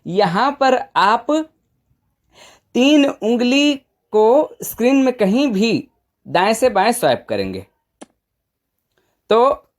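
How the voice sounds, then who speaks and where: A woman's voice: on the high side, very animated, slow pace, pauses often. A woman presenting an informal step-by-step phone tutorial, conversational and often checking in with short tag questions.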